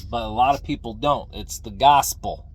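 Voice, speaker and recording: A middle-aged man talking casually and ramblingly to viewers, folksy and opinionated, halting and repeating phrases for emphasis. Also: medium pitch. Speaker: video creator, veteran pipe smoker. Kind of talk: casual rambling talk to camera.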